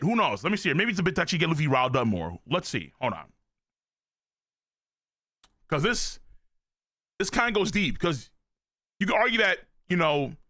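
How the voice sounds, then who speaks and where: A man streaming a live manga reaction, excitable and profane, full of slang. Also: fairly high pitch.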